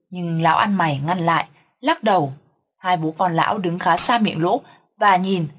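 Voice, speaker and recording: A woman narrating a ghost story in a steady, measured way, with a husky voice. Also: lowish voice.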